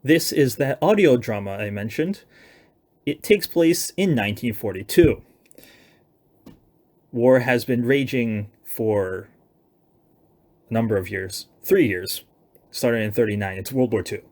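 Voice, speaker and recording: This young man's voice sits mid-range and a bit dark, measured in pace with long pauses. He offers a casual, loosely planned rundown of his own writing, hedging and poking fun at himself along the way.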